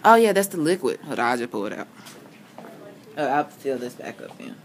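A woman speaks in a low voice. She is soothing and coaxing, repeating short phrases as she looks after someone. There is faint room noise around her. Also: sing-song, a little fast. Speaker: caregiver filming the patient. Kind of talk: soothing casual chat. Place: small hospital room, behind a handheld phone.

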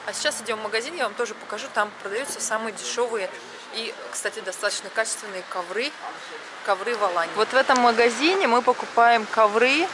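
Here a woman in her thirties chats through her walking vlog at night in the city, camera held out at arm's length. Her slightly high voice lingers on vowels and stresses the ends of words, with traffic and street sounds in the background.

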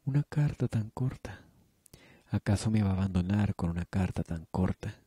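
A man's voice: fairly low pitch, moderate pace, dark tone, husky, no room sound, clean studio sound. A man voicing an emotional teenage schoolgirl in a pleading, wistful tone, in an amateur fan dub. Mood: hurt.

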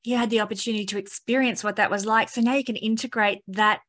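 A woman's voice: mid-range voice, steady tone, fast talker, fairly bright tone. A woman hosting an astrology show, interviewing a guest over a video call from home with effusive, enthusiastic reactions. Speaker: astrologer host. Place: home room. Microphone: laptop webcam on video call.

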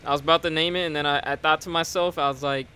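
A man's voice: on the high side, fairly even intonation, fast talker, bright, forceful tone, clean tone. A young man hosting a gaming session, chatting casually with friends over a headset, swearing and laughing often. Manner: profane, laughing, rambling. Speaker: gaming channel host.

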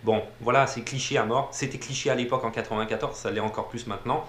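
A man's voice: medium pitch, steady tone, quick pace, a bit bright. A man casually reviewing films, rambling with many fillers and repeated words. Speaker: film reviewer. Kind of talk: casual film review talk. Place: room with a TV playing behind him. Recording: roomy echo, faint ambient noise.

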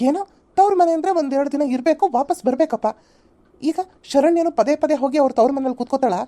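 A woman's voice: high-pitched, fast talker, dark tone, natural voice. A woman voicing a young husband in a family cartoon who argues with his elder brother. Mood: arguing. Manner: argumentative. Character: protective young husband, blunt.

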